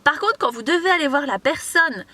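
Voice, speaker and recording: A woman's voice: high voice, expressive, a little fast, sharp tone. A young woman from Mauritius giving casual life advice to camera from inside a parked car, chatty, with many fillers and restarts. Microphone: camera on a tripod.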